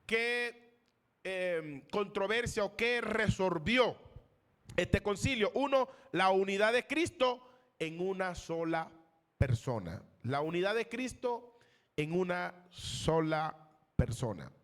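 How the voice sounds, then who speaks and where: A man who is a pastor teaching a theology class, lecturing in a classroom style, raising his voice to stress key terms, asking questions of the class and pausing with fillers. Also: high-pitched, expressive, fairly bright tone. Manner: pauses with fillers, searches for names.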